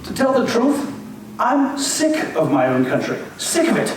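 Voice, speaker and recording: Heavily acted and unhurried, this older male community theater actor uses an extremely high pitch with huge swings as a wry, evasive Irish book reviewer. The amateur stage reading has him mild and defensive. Faint hiss and a distant mic capture the echoey hall.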